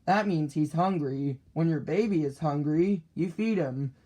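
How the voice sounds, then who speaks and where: Mister Bird, a steady father bird read by a man. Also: fairly high pitch, measured pace. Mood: reassuring. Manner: reassuring, matter-of-fact.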